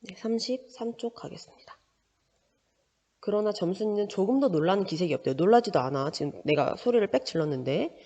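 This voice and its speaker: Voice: medium pitch, lively intonation, fairly quick, dark tone. A teacher reads a short story aloud and stops often to explain it, asking the listener little questions along the way. The sound is dull and lo-fi, and a long reverb trails after each phrase. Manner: explains with frequent rhetorical check-in questions. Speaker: Korean language teacher.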